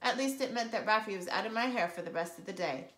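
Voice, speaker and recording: Reading a children's novel aloud, a woman teacher tells the story in a lively way, talking fast at a medium pitch. A roomy echo surrounds her voice.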